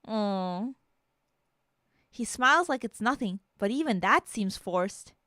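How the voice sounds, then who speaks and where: A woman streaming a visual novel playthrough, reading its narration aloud and reacting with animated, giggly, slangy commentary. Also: mid-range voice, takes it slowly, no echo.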